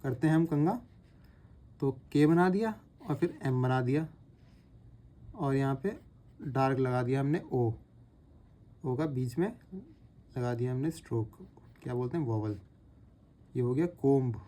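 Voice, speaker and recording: A man teaching shorthand step by step, patiently repeating sounds slowly as he writes. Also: medium pitch, warm tone. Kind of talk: explaining step by step while writing.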